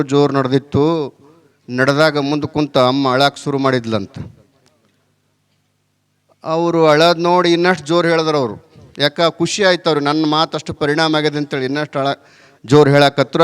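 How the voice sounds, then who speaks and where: Man, middle-aged, North Karnataka accent, village sermon, smooth resonant voice, fairly high pitch. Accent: North Karnataka Kannada. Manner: chatty, asks the crowd rhetorical questions. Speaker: religious leader giving a blessing sermon. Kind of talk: village sermon with folksy anecdotes.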